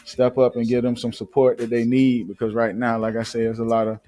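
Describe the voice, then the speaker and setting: A man's voice: medium pitch, monotone, brisk, warm tone, faint music behind. A man hosting a live show, chatting casually and reading news aloud with many fillers and restarts. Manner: loose, filler-heavy, restarts often. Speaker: show host. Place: Atlanta.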